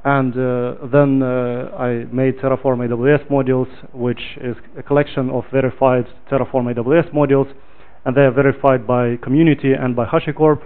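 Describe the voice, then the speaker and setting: A man's voice: medium pitch, fairly quick, smooth. A man from Ukraine giving a technical talk at a meetup, speaking English with frequent "uh" fillers. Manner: relaxed, filler-heavy, loud when projecting to the room. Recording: tinny phone-like audio.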